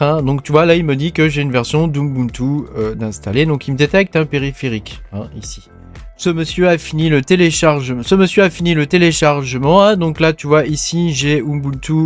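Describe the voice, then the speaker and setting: A man from France hosting a casual tech tutorial, talking informally to the viewer with many fillers and tags like "hein". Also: mid-range voice. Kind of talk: casual screen-recorded tutorial.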